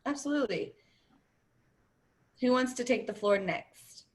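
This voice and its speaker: A young woman with a fairly high voice moderates a focus group over video call at a measured pace. She reads the rules aloud in a steady tone and asks questions in an organized way.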